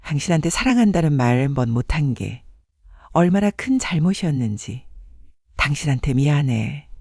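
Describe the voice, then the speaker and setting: A man's voice: fairly high pitch, very animated, normal speed, a little mellow, slightly rough, no room sound, studio quality, exaggerated voice. A man voicing a remorseful old husband. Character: remorseful elderly husband, around seventy, quiet.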